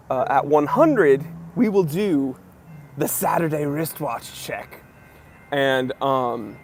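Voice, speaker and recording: A young American man with a fairly high voice hosts a casual live Q&A stream, reading comments, greeting viewers by name and joking around. He's a bit wheezy as he recovers from a recent cough, and there's a faint hiss or hum on the recording.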